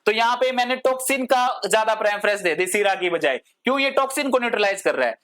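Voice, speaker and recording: Woman teaching pharmacy, slow drawn-out terms. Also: fairly high pitch, expressive, fairly bright tone. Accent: Hindi-English code-switching. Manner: drawls long technical terms word by word. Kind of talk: classroom lecture.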